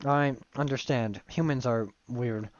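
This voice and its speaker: A man reading the lines of a stiff male alien classmate from another dimension, flat and formal. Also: mid-range voice, measured pace, dry recording, close to an everyday voice. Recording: dull dry stream audio.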